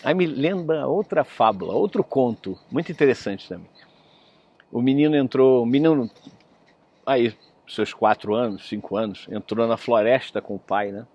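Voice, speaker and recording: Gravelly lecturer. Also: male voice, mid-range voice, animated, normal speed, highs cut off. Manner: conversational, often adds "né?". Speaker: spiritist lecturer. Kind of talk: storytelling sermon.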